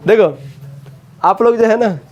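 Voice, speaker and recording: A man's voice: high voice, darkish tone, lo-fi sound. A man teaching a coaching class, often asking students questions and repeating the answers.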